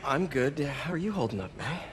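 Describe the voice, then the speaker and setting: A man's voice: mid-range voice, big pitch swings, a little fast, slight background noise, lightly acted. A young American man playing an earnest, wisecracking superhero in a video game, conversational and self-deprecating. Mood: gentle concern. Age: young adult. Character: earnest, wisecracking 23-year-old male superhero. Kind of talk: naturalistic video game acting.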